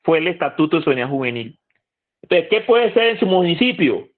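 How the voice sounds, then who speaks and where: A man's voice: a little high, big pitch swings, fast. A man giving a conversational lecture to a youth group, asking the audience questions and repeating phrases for emphasis. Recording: tinny phone-like audio.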